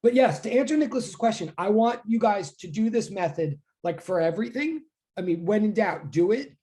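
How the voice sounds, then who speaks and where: A woman's voice: mid-range voice, lively intonation, fairly quick, warm tone. A middle-aged woman lecturing as a physics teacher in an online class, intense and insistent, often interrupting herself as she explains. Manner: conversational, self-interrupting explaining.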